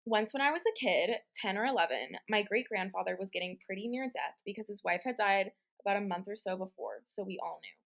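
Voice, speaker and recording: A woman with an average-pitched voice co-hosts a relaxed, chatty show of scary stories. She is conversational and giggly, and she leans on "like" as she reads and reacts. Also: brisk, vocal fry, few pauses. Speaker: podcast co-host. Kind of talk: casual chat and reading listener-submitted scary stories.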